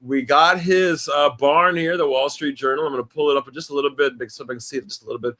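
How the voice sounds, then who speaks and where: A man hosting a live stream interview, enthusiastic and halting, with many fillers and restarts. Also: mid-range voice, steady tone, a bit bright. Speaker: livestream host. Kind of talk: casual interview.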